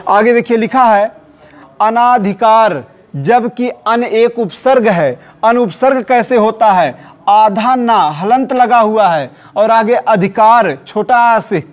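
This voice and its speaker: A man teaching a Hindi spelling lesson for exam prep, quizzing the listener and repeating each correct answer for emphasis. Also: high voice. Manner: recites short Urdu couplets between examples.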